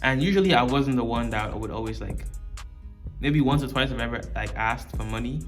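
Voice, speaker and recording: A man hosts a casual, unscripted video chat. His voice sits at an average pitch and his wording is loose street slang, often doubling up words for emphasis. Music plays faintly behind him. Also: fairly quick. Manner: slangy street talk, informal. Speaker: video channel host. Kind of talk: casual off-the-cuff talk to camera.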